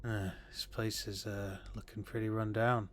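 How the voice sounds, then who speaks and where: A man's voice: on the low side, flat delivery, normal speed, soft background music. A man hosting a livestream with casual, rambling, sarcastic commentary on a game show. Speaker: livestream host.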